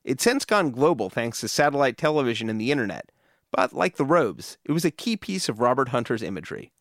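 A man narrates a scripted documentary podcast. His pitch is mid-range but moves around in an animated way, and the sound is dry and close. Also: brisk, no echo.

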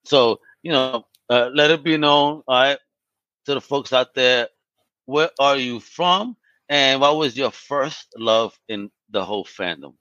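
A man's voice: mid-range voice, a little slow, bright, forceful tone, dry recording, lo-fi sound. A man hosting a casual podcast interview, hyped and slangy with playful banter. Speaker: podcast host.

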